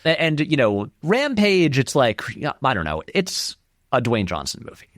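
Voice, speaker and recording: Chatting as a guest, this film video essayist fills his lively commentary with "like," false starts and quick acted-out quotes. He has a mid-range voice at normal speed, and the recording is dry and studio-clean.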